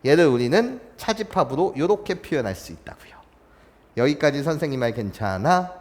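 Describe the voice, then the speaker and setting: Man, math tutor, classroom lesson, very animated pitch, checks in with students constantly, playful. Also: a little fast, long reverb tail. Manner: keeps checking in with students, asking if they follow; playful, chuckles between points.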